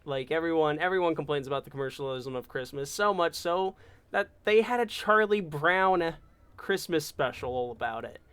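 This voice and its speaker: A man's voice: fairly high pitch, expressive, moderate pace, a bit bright, clean tone, dry recording. A man from California co-hosting a podcast, chatting casually and rambling with many restarts. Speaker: podcast co-host. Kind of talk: casual chat.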